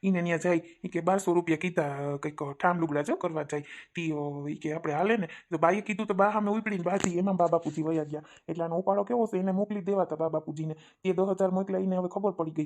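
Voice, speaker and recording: A woman's voice: fairly low pitch, fairly even intonation, a little mellow, close to an everyday voice. A woman playing a tired, defensive older brother in a comic family skit, with a Kathiyawadi Gujarati accent. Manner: defensive, tired, quick-talking. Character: weary older brother, a harried village farmer.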